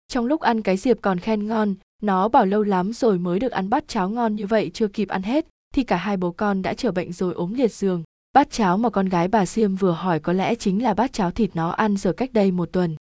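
Brief: female audiobook narrator, steady and dramatic, dark warm tone. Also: medium pitch, no room sound, clean studio sound. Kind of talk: scripted ghost story narration.

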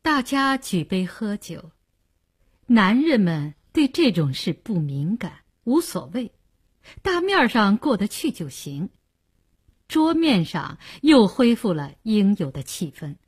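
A woman reading a novel aloud for radio in a measured storytelling manner. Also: medium pitch, sing-song, husky. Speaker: audiobook narrator.

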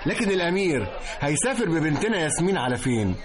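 A man's voice: on the high side, very animated, quick pace. A man playing a jovial, teasing merchant with an Egyptian accent in a radio drama, amid a crowd. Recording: busy crowd behind.

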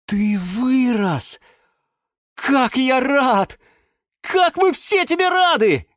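A woman doing an eager, excited young boy. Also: a little high, takes it slowly, no room sound, studio quality, pitched above the performer's own voice. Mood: delighted. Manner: exclaiming, eager. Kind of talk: storybook reading.

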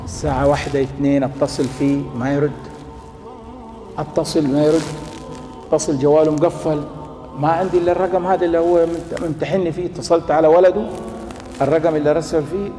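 A middle-aged man telling a story as a sermon, impassioned and rising to near-shouting. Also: on the high side, steady tone, fast, long pauses. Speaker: preacher who washes the dead. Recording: echoey hall with faint music.

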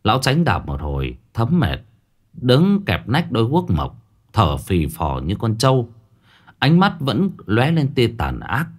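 Husky male storyteller with a lively voice. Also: medium pitch, a little slow. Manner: vivid, dramatic storytelling with coarse folk speech. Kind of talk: ghost story narration.

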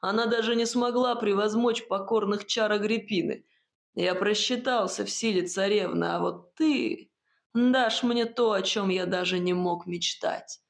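A woman voicing a mocking male sorcerer villain who speaks slowly and with a sneer in an audiobook. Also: mid-range voice, vocal fry. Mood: menacing.

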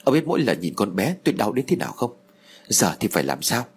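A man's voice: fairly low pitch, big pitch swings, fast talker, breathy edge, full character voice. A man reading an audio story, voicing a grief-stricken older mother who wails and blames her husband. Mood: distraught. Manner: tearful, pleading outbursts.

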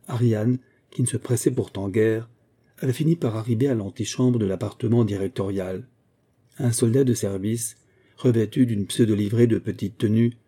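A man reading a classic novel aloud as an audiobook narrator, in a measured, even way. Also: fairly low pitch. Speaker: audiobook reader.

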